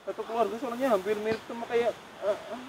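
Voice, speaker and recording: A man's voice: high-pitched, steady tone, fast talker, background noise. A man co-hosting a ghost-hunting vlog, talking in an uneasy way and repeating prayers. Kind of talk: live paranormal investigation vlog.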